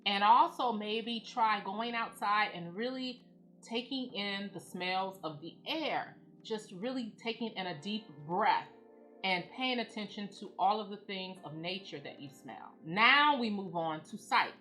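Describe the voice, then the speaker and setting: A woman giving calm, measured instructions as she guides listeners through a grounding exercise. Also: mid-range voice. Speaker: presenter of anxiety grounding techniques. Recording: music playing behind the voice. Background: background music.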